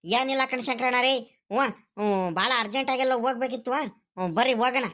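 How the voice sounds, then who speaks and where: A woman playing an eager, loyal young male village sidekick in a comedy sketch, calling out loudly and grumbling to himself. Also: a little high, fairly quick, close to an everyday voice. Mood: reassuring. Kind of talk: rural comedy sketch acting.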